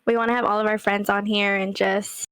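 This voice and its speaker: A young woman co-hosting a casual podcast, telling stories in a chatty, animated way with lots of fillers. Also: mid-range voice, a little fast, clear, resonant tone, dry recording, poor audio. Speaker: podcast co-host. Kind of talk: casual chat.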